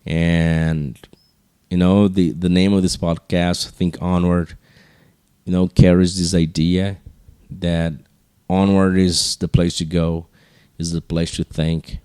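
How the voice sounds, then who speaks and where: A man hosting a podcast solo, speaking slowly in a low, hushed register with casual, rambling, earnest encouragement. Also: level tone, smooth, no echo, clean studio sound. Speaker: podcast host.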